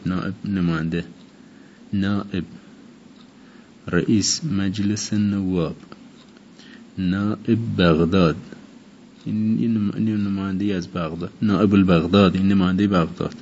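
A man teaching an informal vocabulary lesson, repeating each word slowly and explaining its meaning. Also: sits low, fairly even intonation, darkish tone. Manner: repeats words slowly and glosses them in Persian. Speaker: Arabic teacher. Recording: dull lo-fi recording with faint noise.

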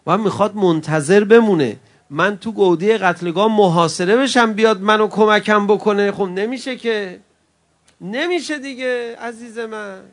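High-voiced man preaching an impassioned sermon. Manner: swings between loud impassioned cries and soft, intimate address to the audience; chummy, calls listeners friends. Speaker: preacher at a mourning gathering. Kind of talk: emotional religious sermon.

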